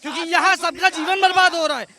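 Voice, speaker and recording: A man student protester arguing heatedly outdoors, talking insistently and at times shouting. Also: extremely high pitch. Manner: rapid, insistent, sometimes shouting. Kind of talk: heated street argument. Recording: crowd noise outdoors.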